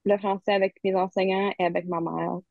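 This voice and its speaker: This young woman, a university student guest from Barrie, Ontario, Canada, chats casually about her studies, speaking easily and laughing often. Her medium-pitched voice is fairly quick and creaky, with little pitch movement. The audio is dry and phone-like, with no room sound.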